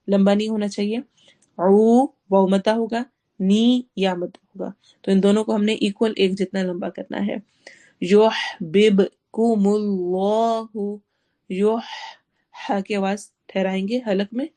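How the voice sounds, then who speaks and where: A woman teaching Quran recitation, reciting each phrase slowly and then explaining each sound, with English words mixed into her teaching. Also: medium pitch, warm tone. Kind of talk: tafsir and tajweed lesson.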